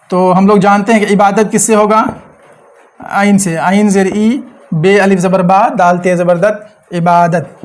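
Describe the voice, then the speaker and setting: Patient high-voiced man teaching Urdu. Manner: patient, repeats words slowly and asks the viewer questions. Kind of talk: step-by-step language lesson.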